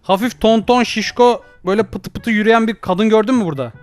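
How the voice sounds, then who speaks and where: A man's voice: high-pitched, fast, faint music behind. A young man doing jokey let's play commentary, panicking, yelping for help and joking at the game. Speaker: gaming YouTuber.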